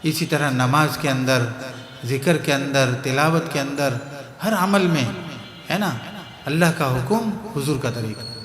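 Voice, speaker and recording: Pakistani man preaching, echoing PA. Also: mid-range voice. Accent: Pakistani Urdu. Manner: keeps asking the crowd if they understand; repeats key phrases for emphasis. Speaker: guest preacher. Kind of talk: sermon with parables. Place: religious gathering.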